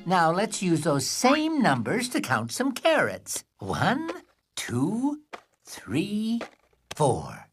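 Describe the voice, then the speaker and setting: A man's voice: high-pitched, wildly swooping pitch, very slow, heavily acted. A man voicing a fussy but patient grown-up rabbit in a children's cartoon, speaking in a precise, instructive and exclaiming way. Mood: instructive, pleased. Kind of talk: animated children's cartoon acting. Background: music.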